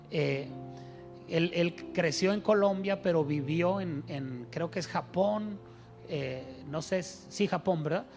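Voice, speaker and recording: A man preaching a sermon as pastor, telling stories and asking his congregation rhetorical questions. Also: fairly high pitch.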